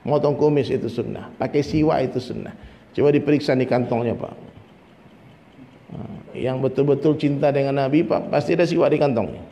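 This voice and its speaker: A man's voice: mid-range voice, fairly quick, warm tone. A man preaching a dawn sermon in a conversational way, often addressing listeners directly, joking and mimicking people. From Minangkabau, West Sumatra. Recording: faint noise, long hall reverb.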